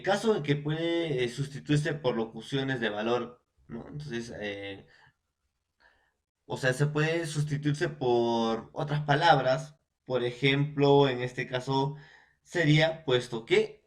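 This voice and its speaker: A man with a Peruvian Spanish accent giving a recorded language lesson. He addresses young students directly, repeats points, and checks their understanding often. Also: medium pitch. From Peru. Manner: repetitive, often checks in with "¿no?" and "entonces". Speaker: language teacher.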